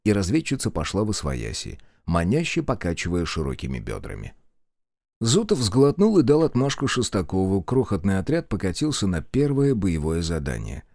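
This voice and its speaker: A man narrating an audiobook in an expressive storytelling manner. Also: low-pitched, normal speed, dry recording, clean studio sound. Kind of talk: scripted narration.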